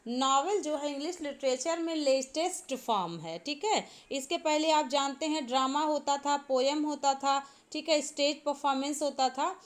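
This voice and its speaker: High-voiced woman teaching an exam class. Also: moderate pace, hardly any pauses. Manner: explains step by step, repeats points, asks the class to answer. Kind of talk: exam-prep lecture.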